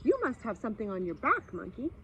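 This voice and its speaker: A woman's voice: on the high side, sing-song, fast talker, fairly bright tone, a little hiss or hum. A woman voicing a nosy, presumptuous tortoise in a children's storybook, inquisitive in manner. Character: nosy tortoise questioning a passer-by.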